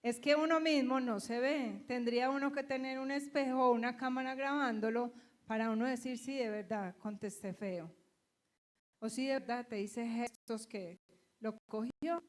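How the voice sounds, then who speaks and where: A woman's voice: on the high side, normal speed. A middle-aged woman pastor with a Colombian accent, preaching a sermon and telling personal stories, acting out the voices of the people in them. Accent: Colombian Spanish. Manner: animated storytelling, acting out quoted voices.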